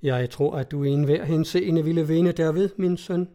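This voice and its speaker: A man voicing a kindly, jovial old pope who gently scolds. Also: fairly high pitch, steady tone, lightly acted. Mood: fatherly.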